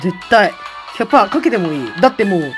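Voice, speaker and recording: A woman streaming a game in casual commentary, loud and laughing a lot, with rough boyish talk. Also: mid-range voice, big pitch swings, brisk, soft background music.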